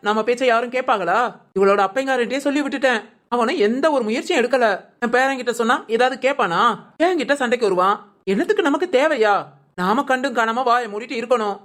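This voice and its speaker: A woman acting a sharp-tongued old village grandmother who scolds and threatens in a gruff way. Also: a little high, fast, lightly acted. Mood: grumbling. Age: older.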